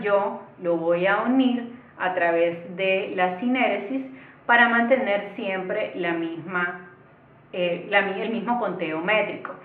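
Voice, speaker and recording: A woman teaching an online lesson, explaining step by step in a patient way and speaking directly to her viewers. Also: medium pitch. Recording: echoey room, tinny phone-like sound.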